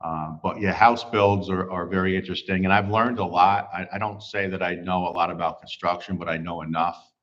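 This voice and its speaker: Low-voiced man, rambling chat. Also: steady tone, brisk, fairly bright tone. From United States. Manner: rambling, many fillers and restarts. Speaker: livestream host. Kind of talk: casual livestream chat, reading viewer comments. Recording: slightly dull livestream audio.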